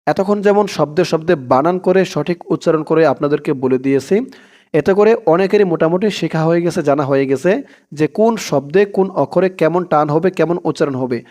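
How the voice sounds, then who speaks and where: A man with a Bangladeshi Bengali accent teaching Quran recitation, spelling out each letter and chanting the verses slowly between brisk explanations. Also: a little high, darkish tone.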